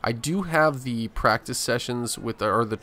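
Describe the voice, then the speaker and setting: A man gives conversational, present-tense commentary on a basketball game while hosting a gaming video, with the game's sounds clearly heard underneath. His medium-pitched voice is bright and forceful at a moderate pace.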